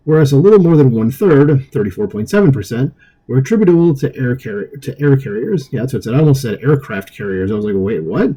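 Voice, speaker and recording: At home, a political commentary host reads a news article aloud, interrupting with sarcastic remarks and occasionally stumbling over words. His male voice is medium-pitched and warm. The recording quality is low.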